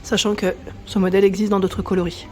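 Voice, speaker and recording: A woman's voice: mid-range voice, little pitch movement, quick pace, soft background music. A woman vlogging as she walks through a large furniture store, chatting casually and reading out prices and sizes with lots of tag-on fillers. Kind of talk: casual walkthrough chat.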